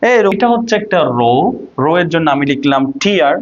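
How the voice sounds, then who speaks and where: High-voiced Bangladeshi teacher quizzing himself. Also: male voice, animated, quick pace, lo-fi sound. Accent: Bangladeshi Bengali. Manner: asks questions and answers them himself, repeats "ঠিক আছে?". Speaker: ICT teacher. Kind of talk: online lecture to students.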